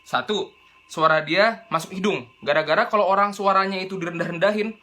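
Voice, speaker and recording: A man's voice: sits high, fairly quick, bright, forceful tone. A young man, teaching Quran recitation in a casual, slangy explainer style. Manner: chatty, slangy, demonstrates recitation and silly voices.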